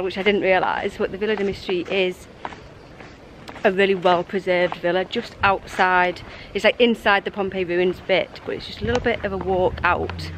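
A woman in her thirties narrating a travel vlog in a chatty, reflective way, filming herself outdoors. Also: medium pitch. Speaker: travel vlogger. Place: outdoors among ruins. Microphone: handheld camera at arm's length.

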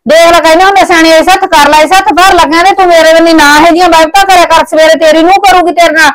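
A woman's voice: very high voice, fairly even intonation, racing, poor audio. An actress playing an aging mother neglected by her son and daughter-in-law, talking in a complaining, reproachful way in a village drama. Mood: accusing. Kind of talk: village web drama acting.

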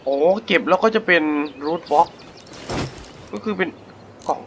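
A man hosting a gaming channel, giving casual let's-play commentary in a jumpy, excitable way as he plays. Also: a little high, measured pace, creaky, a little hiss or hum. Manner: excitable, jumpy, talks to himself while playing.

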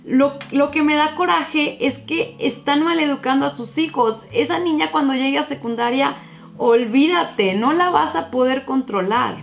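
A woman's voice: high-pitched, moderate pace, gravelly, faint music behind. A young adult woman, a former teacher giving parents advice in a casual vlog, telling stories and acting out the dialogue. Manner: animated storytelling, acting out dialogue with children.

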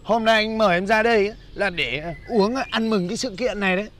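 A man playing a boastful young laborer who brags loudly. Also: high voice, quick pace, slight background noise. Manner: bragging, bossy, loud. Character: boastful broke male laborer, young adult.

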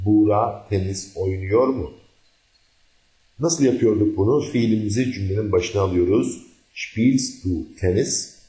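Deep-voiced man teaching slowly, echoey room. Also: dark tone. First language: Turkish. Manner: explains slowly, repeating example sentences. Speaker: language teacher. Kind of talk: recorded language lesson.

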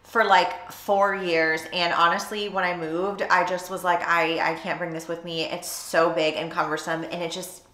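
A woman's voice: lowish voice, little pitch movement, moderate pace, few pauses, pushed and bright. A woman vlogger chatting casually and upbeat while she preps meals at home, thinking aloud as she goes. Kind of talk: casual meal-prep chat. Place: home kitchen. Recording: echoey room with faint ambience.

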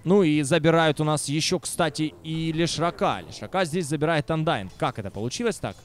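An esports commentator calls a video game match live, tossing out wry, sardonic asides to viewers. His voice is a little high and fairly quick.

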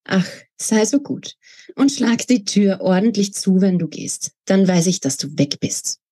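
A woman's voice: mid-range voice, lively intonation, a little slow, dark tone, breathy edge. A woman voicing a spiteful, scornful young woman in a read-aloud novel, talking in a mocking, sneering way.

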